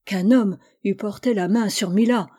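A woman's voice: mid-range voice, normal speed, dark tone, husky, close to an everyday voice. A woman voicing a torn, anguished young male warrior in a storybook reading, speaking with passion. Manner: impassioned, pleading speech.

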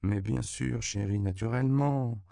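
A man's voice: medium pitch, a little slow, creaky, warm tone, smooth, no room sound, voice pushed up. A man reading an audiobook, voicing a mysterious, alluring woman who speaks in a coaxing yet imperious way.

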